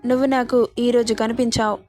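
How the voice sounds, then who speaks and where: A woman's voice: on the high side, flat delivery, brisk, darkish tone, faint music behind, lightly acted. A woman reading the part of an affectionate, teasing young husband in a story.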